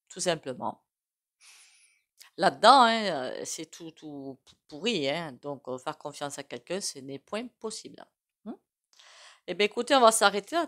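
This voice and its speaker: A woman with a regional French accent talks through a tarot spread for her viewers, her voice sitting a little low. She rambles as she goes, filling the gaps with hesitations and little asides. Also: fairly bright tone. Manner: chatty, rambling, with many fillers and self-asides. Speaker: tarot reader. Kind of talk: casual tarot reading to camera.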